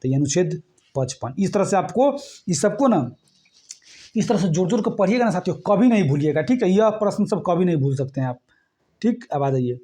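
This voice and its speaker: Brief: male exam-prep teacher, high voice, keeps asking the class "right?". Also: animated, a little fast, mellow. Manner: repetitive, keeps checking "ठीक है?" with listeners.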